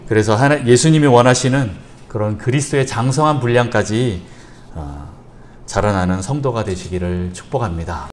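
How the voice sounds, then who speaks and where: A man's voice: fairly low pitch, normal speed, a little hiss or hum. A male pastor preaching an evening church sermon, repeating short instructions and having the congregation recite after him.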